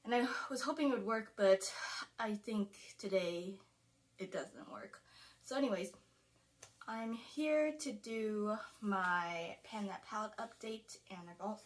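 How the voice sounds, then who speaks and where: A woman's voice: mid-range voice, expressive, unhurried. Young woman vlogger, rambly and chatty, slightly breathless, small closet room. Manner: rambling, chatty, frequent "like" fillers. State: sweating, a little out of breath. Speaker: beauty vlogger. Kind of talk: casual talking-to-camera vlog. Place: small closet filming space.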